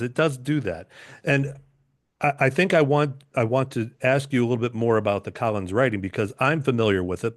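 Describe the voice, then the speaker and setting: A man's voice: medium pitch, no echo. Male podcast host, dry close sound. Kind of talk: conversational interview.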